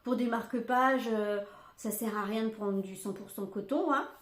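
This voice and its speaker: A woman's voice: on the high side, normal speed. An older woman hosting a craft podcast from home, chatting casually and rambling with lots of fillers and asides. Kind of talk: casual chat. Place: home room. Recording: echoey room.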